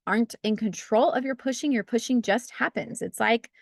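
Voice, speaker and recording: A woman's voice: a little high, moderate pace, vocal fry, no echo, studio quality. A young woman teaching a casual birth-preparation workshop in an earnest, encouraging way, with plenty of fillers, over a video call outdoors. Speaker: birth educator.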